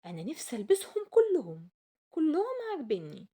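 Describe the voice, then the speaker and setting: A woman with an Egyptian accent voicing an eager, wishful little girl in a children's story, pleading and excitable. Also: sits high, quick pace, husky, voice pushed up. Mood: thrilled.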